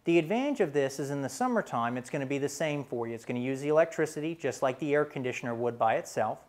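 In a quick, lively, mid-range voice, an American man in his thirties presents a scripted explainer. He speaks plainly and instructionally as a presenter for a home heating and cooling company.

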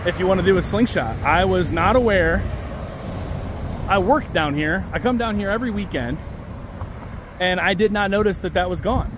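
This thirtysomething vlogger strolls a busy city street outdoors, casually narrating and musing over what he points out. His high voice moves at normal speed with long pauses, captured by a handheld camera mic in front selfie view amid faint traffic noise.

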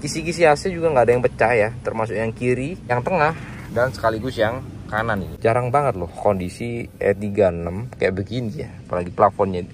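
This used-car seller talks briskly in a lowish voice, giving a casual, slang-filled, excited walkaround pitch to the camera. He is outdoors next to the car and also inside it, with outdoor and vehicle sounds clearly audible.

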